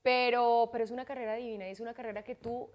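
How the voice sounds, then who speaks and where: During a casual interview, this thirty-something woman, whose voice sits slightly high, comes across as lively and laughs often. When she quotes others, she performs their voices as she tells it.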